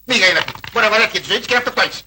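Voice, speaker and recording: A man's voice: sits high, noisy background, close to an everyday voice. An actor playing a pompous, fussy man who preaches about cleanliness in a lofty, mock-solemn way. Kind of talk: 1950s Greek film comedy acting.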